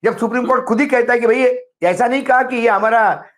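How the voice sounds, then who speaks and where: High-voiced man in animated political talk. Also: brisk. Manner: animated, storytelling with acted quotes. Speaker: political commentator. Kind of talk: political discussion.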